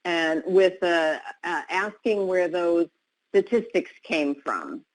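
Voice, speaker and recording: A woman's voice: lowish voice, takes it slowly, poor audio. Woman moderating a video-call webinar. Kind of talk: hosting a webinar Q&A.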